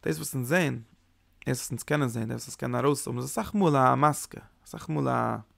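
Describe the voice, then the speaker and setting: A Torah teacher gives a Kabbalah lesson, speaking haltingly and often repeating words and restarting phrases. His medium-pitched voice has vocal fry and a fairly bright tone, and there's no room sound.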